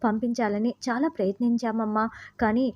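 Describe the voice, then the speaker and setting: A woman reading the lines of a gentle, doting mother-in-law. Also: a little high, fairly even intonation, brisk, highs cut off, lightly acted. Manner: gentle, affectionate.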